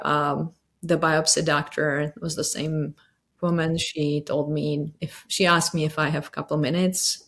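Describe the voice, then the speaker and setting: A woman in her thirties from the Czech Republic with a Czech accent, telling her story slowly with many pauses and fillers. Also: lowish voice. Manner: hesitant, many fillers, reflective. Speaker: patient sharing her story. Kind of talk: personal testimony interview.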